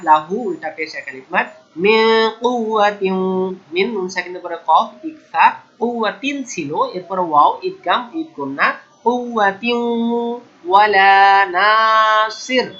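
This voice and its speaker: Male Quran teacher from Bangladesh, slow drawn-out recitation mixed with brisk explanation, slightly muffled lo-fi sound. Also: sits high, sharp tone. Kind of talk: tajweed recitation lesson.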